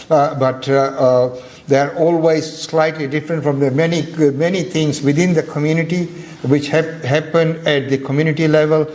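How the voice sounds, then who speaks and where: Man, event MC, mid-pitched voice, halting delivery with repeated words, informal public address. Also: darkish tone. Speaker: event MC introducing speakers.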